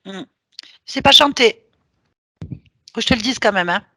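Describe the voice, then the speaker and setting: A woman's voice: fairly high pitch, normal speed, sharp tone, no room sound, clean studio sound. A woman leading a hypnosis session, giving firm, teasing commands.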